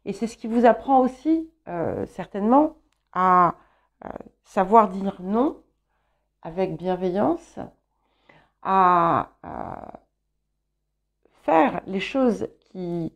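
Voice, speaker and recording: A woman whose first language is English, giving a calm, reflective tarot guidance reading with gentle encouragement. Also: mid-range voice, slow pace, creaky, pauses often. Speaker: tarot reader.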